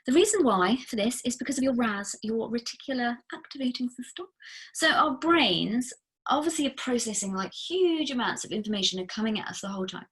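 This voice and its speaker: Chatty, husky-voiced woman coach. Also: fairly high pitch, animated, fairly quick, a bit bright. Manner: chatty and emphatic, frequent "like" fillers; blunt, candid asides. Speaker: fertility coach. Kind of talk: casual recorded masterclass talk.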